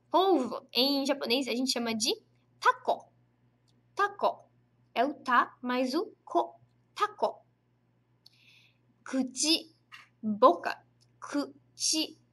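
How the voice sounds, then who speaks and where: A Brazilian woman giving an online Japanese lesson, patient and chatty, repeating each syllable slowly for practice. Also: a little high, fairly bright tone. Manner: frequent tag questions, chatty teaching tone. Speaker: Japanese teacher.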